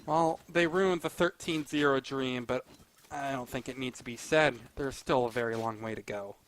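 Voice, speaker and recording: Bright-voiced male esports caster. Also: mid-range voice, normal speed, low-quality recording. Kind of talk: esports caster live match commentary.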